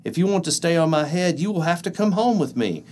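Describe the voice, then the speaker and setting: A man voicing a small clever male mouse in a storybook, speaking high and squeaky. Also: lively intonation, brisk, a little mellow, slight background noise, lightly acted. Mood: cheerful.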